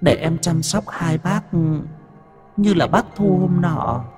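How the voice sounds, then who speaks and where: A pale, eerie ghost woman, as a male narrator puts her on, her voice raised high and falsely sweet with a cold edge. Faint music drifts under the audiobook reading. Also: lively intonation, slow, a little mellow, slightly rough, big-room sound, exaggerated voice. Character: pale ghost of a dead young wife, eerie.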